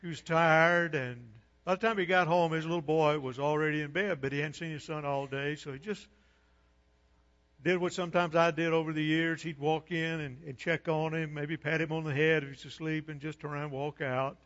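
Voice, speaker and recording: Guy preaching in a church, high voice, muffled sound w long hall reverb. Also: fairly even intonation, normal speed, fairly bright tone. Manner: storytelling, rising to fervent preaching. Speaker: pastor. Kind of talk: sermon with a told story.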